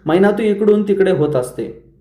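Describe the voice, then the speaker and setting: A man hosting a serial review, retelling the episode scene by scene in a brisk storytelling manner. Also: high-pitched, expressive, dark tone. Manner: brisk storyteller who briefly lifts his voice for quoted lines. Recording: roomy echo.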